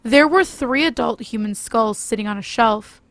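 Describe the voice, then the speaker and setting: A woman narrating a first-person horror story in a steady, scripted delivery. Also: fairly high pitch, normal speed, dry recording.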